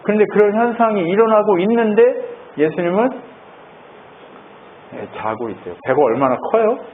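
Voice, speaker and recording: Lively male pastor preaching. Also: sits high, moderate pace. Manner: lively, keeps asking the congregation questions. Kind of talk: sermon. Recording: tinny phone-like sound, faint noise.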